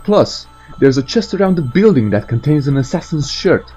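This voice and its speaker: Male game lore narrator, scripted storytelling, irreverent, highly varied pitch, husky dark tone, dull recording, soft background music. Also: animated, moderate pace. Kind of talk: scripted narration with joking asides. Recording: muffled voice over faint music.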